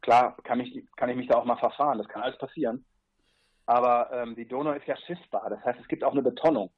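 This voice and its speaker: A man's voice: mid-range voice, fairly even intonation, fast, breathy edge, narrow, tinny audio. A man as a podcast guest, explaining his trip in a rambling way with asides and fillers. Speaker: guest, paddler on a long river trip. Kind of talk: casual podcast interview.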